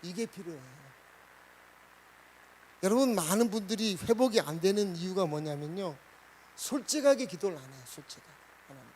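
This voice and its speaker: Korean pastor preaching, questioning the flock. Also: male voice, high-pitched, expressive, normal speed, pauses often, a little hiss or hum, low-quality recording. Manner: asks the congregation questions, swings between loud and quiet. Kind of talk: sermon.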